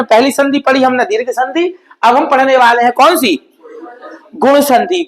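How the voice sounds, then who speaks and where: A man teaching an exam-prep grammar lesson at a board, explaining patiently and repetitively, sounding out example words slowly and often checking in with his students. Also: very high voice, fairly bright tone, rough recording. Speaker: Sanskrit teacher.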